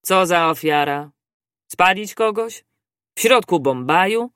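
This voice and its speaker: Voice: medium pitch, animated, unhurried, fairly bright tone, dry recording, clean studio sound. A reader voicing a fussy male colonial judge in an audiobook, speaking in a raised, emphatic way. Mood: astonished.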